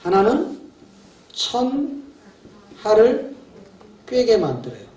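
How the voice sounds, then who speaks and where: A man's voice: high-pitched, huge pitch swings, very slow, a little mellow. A man preaching as a pastor at a seminar, talking colloquially and emphatically, often asking his audience rhetorical questions. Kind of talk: sermon. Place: seminar hall. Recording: echoey hall from far off.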